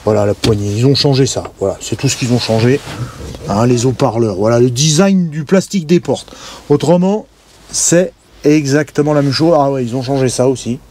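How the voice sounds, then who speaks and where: Wearing a body camera inside a camper van, a vlogger tours the vehicle in a relaxed, halting way, pointing things out between plenty of fillers. His voice is mid-range and darkish, and the recording carries a little hiss or hum.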